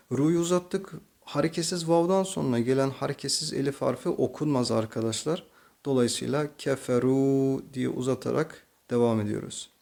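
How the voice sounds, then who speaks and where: A man with a Turkish accent teaching slow Quran reading, patiently explaining each letter and then reciting the words slowly and drawn out. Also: mid-range voice, creaky, a little mellow. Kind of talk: slow tajweed reading lesson.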